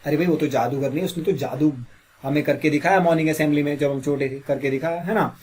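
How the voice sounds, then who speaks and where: A man teaching English grammar as a classroom lesson, quizzing listeners with repeated questions. He has a slightly sore throat and clears it often. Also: a little high, fairly even intonation, quick pace, a little mellow.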